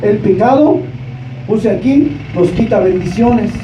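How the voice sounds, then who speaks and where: A male pastor preaching a sermon in a church, asking the congregation questions and rising to shouts. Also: sits high, unhurried, background noise. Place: church sanctuary. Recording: echoey church room, distant mic, dull sound.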